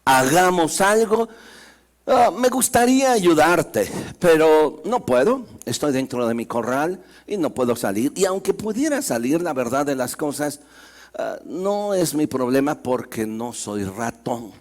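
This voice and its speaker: A man's voice: a little high, sing-song, a little slow. A man voicing a male sheep who politely makes excuses and refuses to help. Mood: evasive. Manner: evasive, making excuses.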